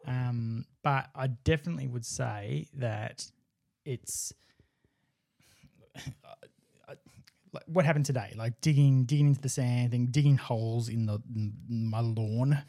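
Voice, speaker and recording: A man's voice: medium pitch, unhurried, creaky, mellow, dry recording. Easygoing man, dry close sound. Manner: easygoing, rambling with restarts. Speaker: podcast co-host. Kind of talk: casual chat.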